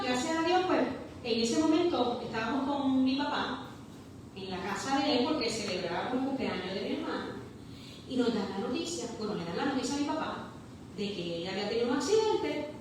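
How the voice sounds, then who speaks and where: Heard from a distance in an echoey church hall with background noise, a woman pastor with a high voice delivers an impassioned sermon. She stretches out her key words for emphasis.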